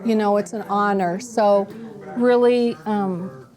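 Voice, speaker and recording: Woman interviewee, chatty and fond, mellow tone. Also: medium pitch, fairly even intonation, takes it slowly. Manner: fond, chatty, uses fillers. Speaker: interviewee, daughter. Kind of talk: casual interview.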